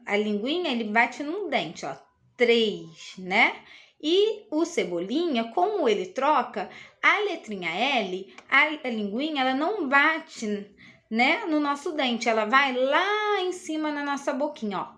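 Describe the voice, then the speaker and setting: A woman with a Brazilian Portuguese accent teaching a children's lesson, explaining slowly and patiently with many tag questions. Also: sits high, fairly bright tone.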